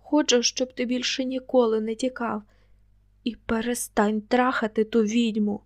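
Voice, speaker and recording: A woman's voice: fairly high pitch, level tone, normal speed, close to an everyday voice. A woman voicing a jealous, tearful young woman who speaks reproachfully to her lover. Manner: reproachful, quiet.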